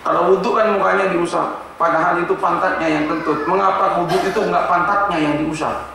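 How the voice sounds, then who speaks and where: A man preaching a sermon at an Islamic boarding school, telling stories lively and asking rhetorical questions. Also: high voice, fairly quick, vocal fry, a little hiss or hum. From East Java, Indonesia. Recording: echoey hall, mic far off.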